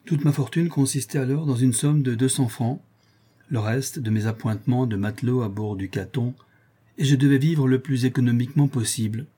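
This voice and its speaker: Male narrator, husky and dark, measured literary reading. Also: medium pitch, steady tone. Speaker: audiobook narrator.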